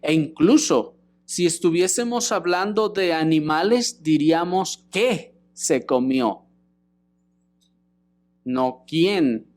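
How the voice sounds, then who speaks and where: A man preaching a sermon, teaching and putting rhetorical questions to the congregation. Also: a little high. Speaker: pastor.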